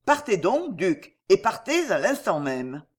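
An audiobook reader voicing a forceful, insistent male adventurer giving urgent advice in a historical novel. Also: mid-range voice, sing-song, a little slow, slightly rough.

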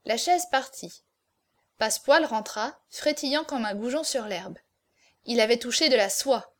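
A woman narrating a classic adventure novel as an audiobook. Her reading is steady and even, in a high voice. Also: a little slow.

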